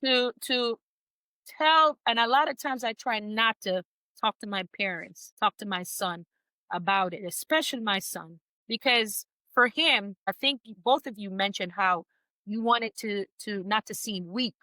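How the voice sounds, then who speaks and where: A woman speaks earnestly on a podcast in a bright, forceful voice, halting now and then and restarting her words. The sound is close and dry, with no room around it. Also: mid-range voice, no echo. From United States. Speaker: podcast guest. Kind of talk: emotional personal conversation.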